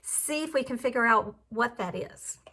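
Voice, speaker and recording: A woman reads a picture book aloud in a teacherly, expressive sing-song way, stopping to ask questions and explain words to young listeners. Her voice is on the high side with vocal fry, and there's slight background noise.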